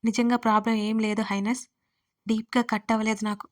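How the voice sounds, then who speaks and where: A woman voicing a tender, protective young man lying injured in a hospital bed, speaking softly and gently. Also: high voice, flat delivery, fairly quick, natural voice. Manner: soft, gentle calling.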